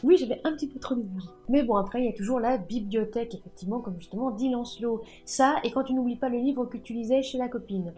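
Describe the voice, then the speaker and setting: A woman hosting a writing and book channel, talking in a lively, chatty way and often joking about herself. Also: fairly high pitch, quick pace, few pauses, faint music behind. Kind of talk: casual chatty video talk.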